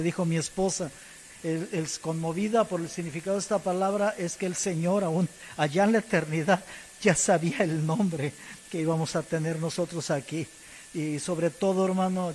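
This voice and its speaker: A man with a high voice preaches in a Mexican Spanish accent, his words hanging in the long echo of a church hall. He moves deliberately and spells terms out letter by letter, while a faint hiss runs under the recording. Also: darkish tone. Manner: addresses the congregation as brothers and church. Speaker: pastor. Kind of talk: sermon. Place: church service.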